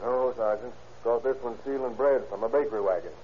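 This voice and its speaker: An actor playing a stern, dutiful 1930s beat cop in a scolding old radio crime drama style. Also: male voice, medium pitch, fairly quick, lightly acted. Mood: reporting. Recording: muffled, noisy 1930s radio recording.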